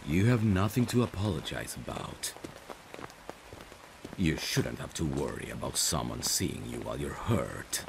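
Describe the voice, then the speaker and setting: Gravelly and extremely low-pitched, this man's voice is expressive and a little slow as he acts a romantic ASMR roleplay. His character is a caring, protective friend secretly in love, and he speaks tenderly and intimately while rain and other background noise sound behind him.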